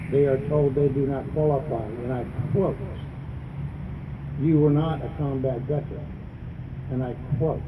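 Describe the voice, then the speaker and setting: Man, mid-pitched voice, campaign speech, adamant and plain-spoken, distant microphone, clear traffic noise behind. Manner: adamant, plain-spoken, repeating phrases for emphasis. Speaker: congressional candidate and veterans advocate. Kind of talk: campaign speech at a news conference.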